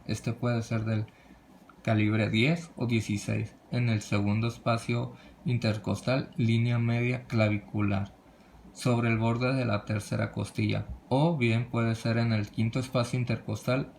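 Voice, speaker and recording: Man, gravelly voice, halting slide lecture, frequent restarts, faint background hiss. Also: medium pitch, darkish tone. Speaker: presenter of a medical lesson.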